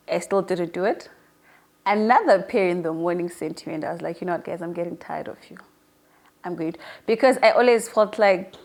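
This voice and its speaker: A woman in her early twenties, newly appointed as an online show presenter, is being interviewed and casually shares personal stories in a chatty manner. Her voice is lowish with a darkish tone.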